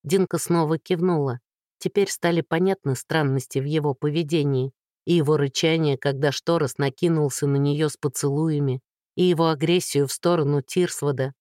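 A woman narrating an audiobook, reading at a slow, measured pace. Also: low voice, fairly even intonation, warm tone, dry recording, clean studio sound. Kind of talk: scripted narration.

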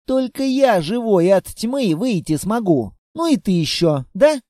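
A man's voice: high voice, big pitch swings, mellow, no room sound, studio quality. A man reading aloud, voicing a sad, sarcastic little girl who never grows up. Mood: eager. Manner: quick, sulky and sarcastic. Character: sad, sharp-tongued immortal little blonde girl.

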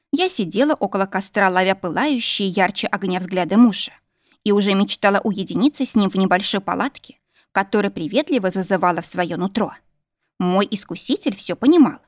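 A woman's voice: mid-range voice, dry recording. Woman narrating a romance audiobook, close and dry.

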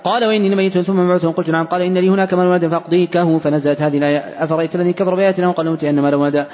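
Fast, flat-voiced man reading aloud. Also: sits high. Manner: fast, even, unbroken reading with brief slips. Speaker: hadith reader. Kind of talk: rapid recitation of hadith text. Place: large mosque hall. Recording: dull recording in a reverberant hall.

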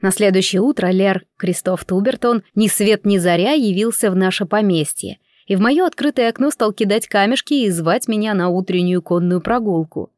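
A woman reading a first-person novel aloud, expressive and measured. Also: mid-range voice, no room sound, clean studio sound. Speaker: audiobook narrator.

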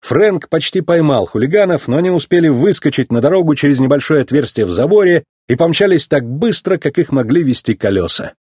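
Husky-voiced man reading a storybook. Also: a little high, brisk, hardly any pauses, no echo, clean studio sound. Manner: expressive, animated. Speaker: narrator.

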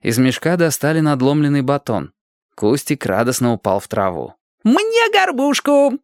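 A narrator reading a children's story aloud with expressive storytelling. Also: medium pitch, normal speed, no room sound, studio quality.

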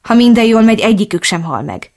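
A woman voicing a brisk, reassuring adult man in an audiobook, blunt and ready to curse. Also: a little high, big pitch swings, a little mellow, voice pushed up. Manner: blunt, swears when angry. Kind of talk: audiobook dialogue reading.

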